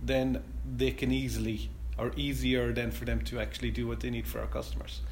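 A man's voice: mid-range voice, little pitch movement, brisk, slight background noise. A middle-aged man with a west of Ireland accent, answering interview questions conversationally as a company manager. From County Clare, west of Ireland.

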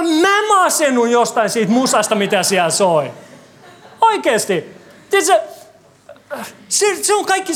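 A preacher delivering a sermon in a church hall, asking the congregation lively rhetorical questions and adding wry, joking asides. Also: mid-range voice.

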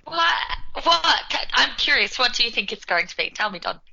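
A woman's voice: a little high, sing-song, moderate pace, vocal fry, bright, forceful tone, lo-fi sound. A woman with an Australian accent chatting playfully and casually as a podcast co-host. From Melbourne, Australia.

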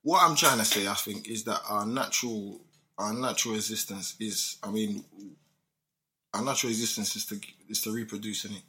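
A man's voice: lowish voice, brisk, pushed and bright, low-quality recording. A young man with a London roadman accent debating casually on a podcast, full of slang and tag questions. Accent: London roadman, multicultural street English. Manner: repeats tag questions and checks he is understood. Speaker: podcast speaker.

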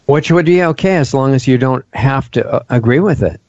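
A man's voice: medium pitch, fairly quick, darkish tone, dry recording. A man hosting a radio talk show, agreeable and earnest as he chats with his guest. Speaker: radio host. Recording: dull lo-fi audio.

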